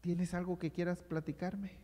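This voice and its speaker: A woman's voice: on the low side, little pitch movement, normal speed, mellow, in a large hall, natural voice. A man doing a stern, intimidating mother.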